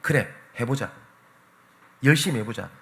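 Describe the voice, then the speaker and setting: A man's voice: medium pitch, lively intonation, moderate pace, creaky, fairly bright tone. A man voicing Satan as a sly tempter who coaxes and scoffs. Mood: coaxing. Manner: sly, coaxing. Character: Satan, a sly male tempter whispering doubt.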